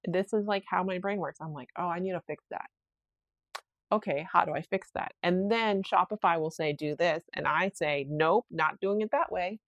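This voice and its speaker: A woman's voice: lowish voice, vocal fry, no echo. A woman hosting her own podcast in a casual, rambling solo chat, thinking aloud as she works through a problem. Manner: rambling, self-talk while fixing things, quotes herself; frequent fillers and restarts, laughs easily. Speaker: podcast host.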